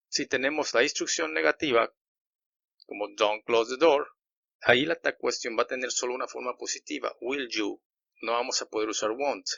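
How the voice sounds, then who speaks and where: A man's voice: mid-range voice, sharp tone. A man teaching English grammar, explaining each example step by step and modelling English sentences. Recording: slightly dull, lo-fi sound.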